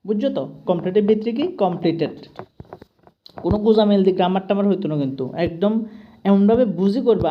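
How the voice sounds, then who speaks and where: A woman's voice: mid-range voice, muffled recording. A woman with a Tripura Bengali accent teaching English grammar to students, patiently checking that they follow each step. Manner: patient, keeps checking understanding with "ঠিক আছে?".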